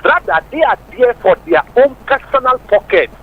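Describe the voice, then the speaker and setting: A man's voice: extremely high pitch, expressive, normal speed. A man calling in over the phone to a radio show, giving emphatic political commentary and asking rhetorical questions. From Nigeria. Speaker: radio call-in caller. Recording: muffled phone line with faint hiss.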